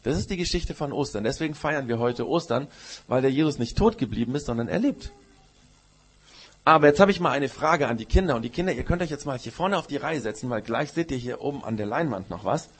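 A man tells a story to the children during a church service. He talks to them directly and keeps asking questions. His voice is husky at a middle pitch. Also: expressive, fast talker. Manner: storytelling to children, asks questions, uses "gell". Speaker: pastor.

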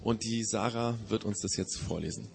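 A man's voice: fairly low pitch, normal speed, gravelly, darkish tone, a little hiss or hum. A man hosting a spoken program, introducing a segment in loose, chatty explanations. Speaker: host.

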